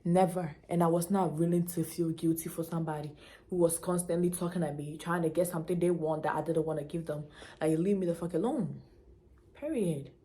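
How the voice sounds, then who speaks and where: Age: young adult. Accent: Ghanaian. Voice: a woman with a fairly low pitch. Style: animated storytelling vlog, emphatic and blunt. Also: fairly quick. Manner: emphatic, animated storytelling with local slang mixed in. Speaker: vlogger. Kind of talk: casual storytelling to camera.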